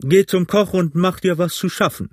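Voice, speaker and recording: A man's voice: high voice, moderate pace, a little mellow, no echo, studio quality, pitched above the performer's own voice. A man voicing a stern, curt ship captain in an audiobook reading, clipped and commanding.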